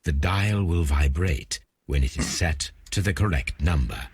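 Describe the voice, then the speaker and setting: A calm Victorian detective in a game, with a very deep, husky voice. He reasons aloud in a measured, even way. The recording is dry and close. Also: dry recording, heavily acted.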